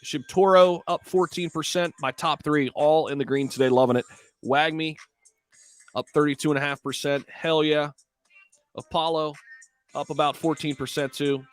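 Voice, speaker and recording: A man's voice: on the high side, steady tone, moderate pace, no echo, soft background music. A man hosting a casual crypto livestream, talking to viewers in hyped, slangy crypto bro style.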